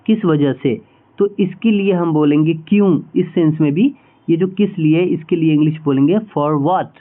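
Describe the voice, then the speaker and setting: A man teaching spoken English phrases, explaining in Hindi and patiently repeating each phrase several times. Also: a little high. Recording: tinny phone-like sound.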